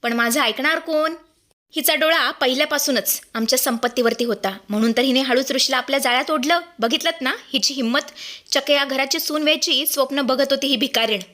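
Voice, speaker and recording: A woman's voice: high-pitched, a little fast, pushed and bright. A woman voicing a spiteful, haughty middle-aged mother with a sneering, contemptuous manner.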